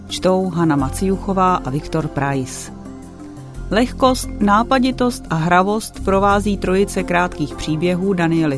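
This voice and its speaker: Presenter voice, measured and informative, clear music bed behind. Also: medium pitch. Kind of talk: audiobook review segment.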